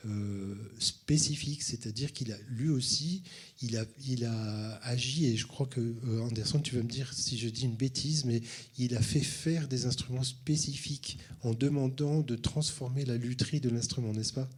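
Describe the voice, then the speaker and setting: A man's voice: mid-range voice, moderate pace, husky. A man who teaches cello, introducing the next piece at a concert and often restarting his phrases. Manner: hesitant, many restarts. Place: concert hall at a conservatory.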